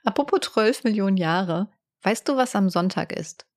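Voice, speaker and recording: Podcast co-host, female, medium pitch, teasing and quick to laugh. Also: expressive. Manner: teasing, playful, laughs often. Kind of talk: casual chat.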